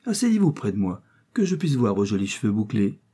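Man doing a genial old gentleman, kindly uncle, husky, audiobook character. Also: fairly low pitch, sing-song, fairly quick. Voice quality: genial, warm-hearted.

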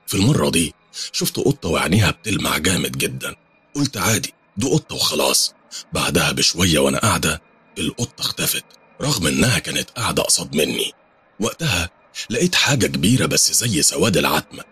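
A man with an Egyptian accent narrating a first-person horror story, telling it fast and lively. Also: very deep voice, husky. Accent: Egyptian Arabic.

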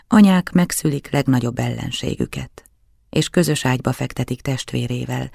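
A male audiobook narrator reads a novel in the first person, measured and deliberate. His voice has a gravelly, creaky edge. The recording is close and dry, with no room sound. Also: mid-range voice, darkish tone, no echo.

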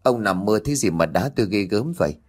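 A man's voice: on the low side, lively intonation, fast talker, darkish tone, breathy edge. A man voicing a complaining, scolding middle-aged wife. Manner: complaining, nagging.

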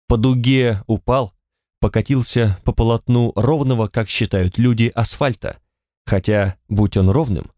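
A man reads a first-person story in a measured, detached voice at a middle pitch. The recording is dry and close, with no room sound. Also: darkish tone, no room sound. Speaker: narrator. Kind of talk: first-person audiobook narration.

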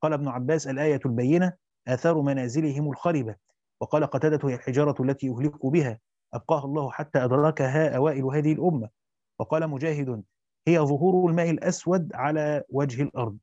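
A man reading a classical commentary aloud quickly, stopping for casual explanatory in a way of speaking. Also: on the high side, warm tone, no echo, muffled recording. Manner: reads quickly in classical Arabic, then breaks into colloquial asides with restarts. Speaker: teacher reading through a Quran commentary. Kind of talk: reading a classical text aloud with spoken asides.

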